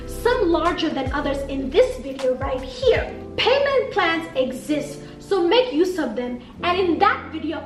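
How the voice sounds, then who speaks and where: A woman with a high voice delivers scripted vlog tips in a direct, instructive manner. She is recorded in an echoey room at some distance from the mic, with music behind her. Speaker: vlogger sharing surgery recovery advice. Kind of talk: scripted narration of personal tips.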